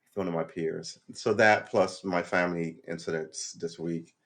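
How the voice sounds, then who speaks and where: A vlogger in his fifties, recorded on a livestream setup, muses in a loose, reflective monologue with a somewhat low voice at moderate pace. He keeps restarting and leans on "you know" and "right?", and his pitch shoots up sharply whenever he gets animated.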